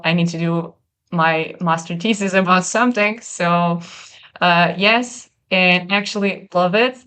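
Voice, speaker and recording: A young woman from Portugal with a Portuguese accent, speaking English as a guest in a casual conversation and pausing often with fillers. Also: on the low side, a bit bright, smooth. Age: young adult. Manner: thoughtful, with many pauses and fillers. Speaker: guest, PhD researcher.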